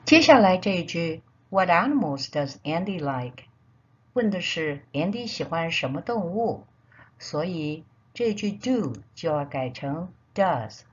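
A woman teaching a children's vocabulary lesson in an encouraging, instructing kindergarten-teacher manner, with a husky voice. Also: on the low side. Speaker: English teacher for young children. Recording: dull, lo-fi sound.

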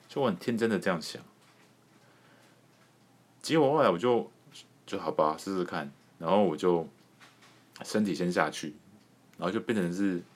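A man from Taiwan hosting a podcast, telling a comic personal story in an animated way and laughing often. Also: low-pitched. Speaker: podcast host.

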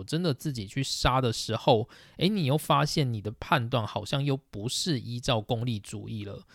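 A man's voice: medium pitch, no echo, clean studio sound. A man hosting a podcast, explaining ideas in a casual monologue and thinking aloud with fillers, with a Taiwanese Mandarin accent. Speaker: podcast host.

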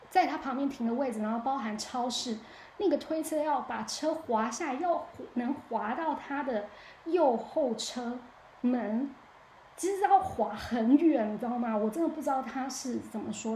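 A woman's voice: on the high side, dark tone, a little hiss or hum. A woman hosting her own podcast, telling a story about her own mishap in a candid, chatty way. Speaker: podcast host. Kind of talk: casual solo storytelling. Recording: echoey room.

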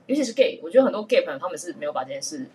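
A woman's voice: on the low side, big pitch swings, very fast, darkish tone, a little hiss or hum. A woman, a podcast guest telling stories in casual chat and often laughing.

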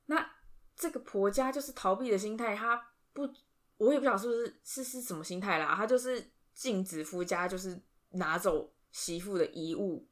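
A woman co-hosting a podcast, telling stories in an animated, chatty way with many fillers. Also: medium pitch, moderate pace. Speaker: podcast co-host. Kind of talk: casual chat.

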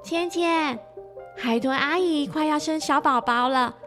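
A woman's voice: high-pitched, a little slow, a bit bright, faint music behind, pitched above the performer's own voice. A woman voicing a friendly, helpful young dolphin in a children's story. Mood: friendly, informing.

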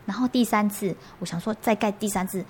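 A young adult woman, an interview guest giving an earnest personal faith testimony, halting and restarting her sentences often. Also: mid-range voice, a little mellow, a little hiss or hum.

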